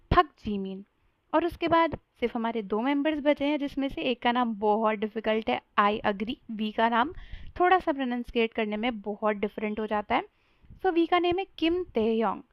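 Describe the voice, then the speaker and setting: A woman teaching pronunciation in a casual explainer lesson, repeating each syllable slowly for the viewer to copy. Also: fairly high pitch, no room sound, lo-fi sound.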